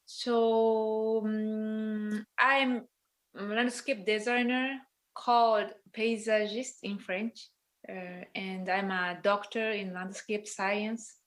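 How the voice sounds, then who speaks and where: A woman, a landscape designer, giving a careful, measured conference presentation with some hesitations. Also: mid-range voice, little pitch movement. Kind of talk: formal conference talk.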